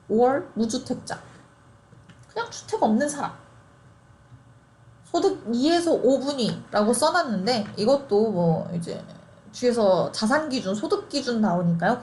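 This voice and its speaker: A woman's voice: fairly high pitch, darkish tone, a little hiss or hum. A young woman in her twenties chatting through an explainer, laughing often and asking rhetorical questions. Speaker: host explaining housing programs. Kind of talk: casual explainer.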